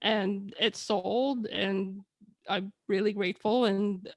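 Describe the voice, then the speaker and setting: Slow and steady in tone, this medium-pitched woman is an author guest on a casual video call. Her first languages are a Chinese dialect and Tagalog, and she tells her story in a candid, rambling way over a dry recording.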